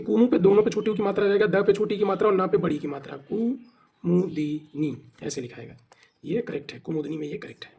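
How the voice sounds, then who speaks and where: In a high, dark and slightly rough voice, a man teaches Hindi in an exam practice class. He asks his own questions and answers them, occasionally spelling words out letter by letter.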